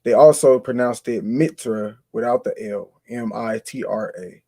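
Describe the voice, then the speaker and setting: A man's voice: medium pitch, fairly even intonation, normal speed, mellow, no echo. A man, explaining ideas in a loose, conversational way as co-host of a spiritual talk. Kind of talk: casual spiritual discussion.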